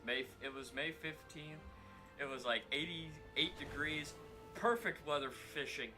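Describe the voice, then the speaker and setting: A man talking loose and unfiltered on his game stream. His voice sits a little high, and game music plays clearly behind him. He swears and chuckles through his sentences. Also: unhurried. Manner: rambling, profane, laughs mid-sentence. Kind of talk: casual chat while streaming a game.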